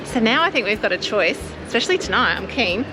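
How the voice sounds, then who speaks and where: A woman's voice: fairly high pitch, big pitch swings, fast talker, over music, rough recording. An Australian woman chatting informally as she narrates a travel vlog. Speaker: travel vlogger. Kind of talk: casual vlog chat.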